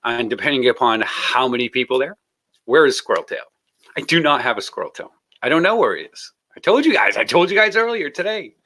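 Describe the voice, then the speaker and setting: A man hosts a live stream in loose, rambling talk, often breaking into laughter. His voice sounds bright and open. He jokes his way through greeting his guests. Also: medium pitch, lively intonation, brisk. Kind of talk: casual live stream chat.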